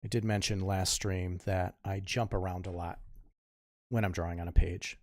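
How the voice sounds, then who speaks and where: Low gravelly man in his fifties. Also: fairly even intonation, moderate pace, a little mellow, no room sound, clean studio sound. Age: 50s. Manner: rambling, self-correcting, mutters to himself. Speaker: comic artist streaming his drawing. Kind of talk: casual tutorial chat while drawing.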